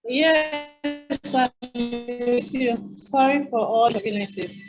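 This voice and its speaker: A woman's voice: on the high side, slow. A woman panelist on an online call, replying briefly and apologetically while her audio glitches and breaks up. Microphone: video call. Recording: choppy online call, far from mic, music behind.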